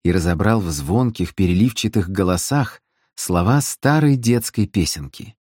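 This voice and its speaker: A man narrates a fantasy audiobook in a low voice, with a measured and dramatic delivery. The recording is dry and close to the mic. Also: a little mellow, slightly rough, no room sound. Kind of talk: scripted narration.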